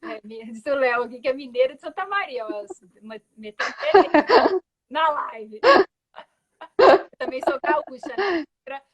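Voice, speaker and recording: A woman's voice: high voice, expressive, measured pace, highs cut off. A woman in her forties from Belo Horizonte with a Minas Gerais accent, telling her story as a guest artist on a video call in a thoughtful way, with frequent tag words and restarts. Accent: Minas Gerais Portuguese. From Belo Horizonte, Brazil. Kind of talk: reflective conversational storytelling.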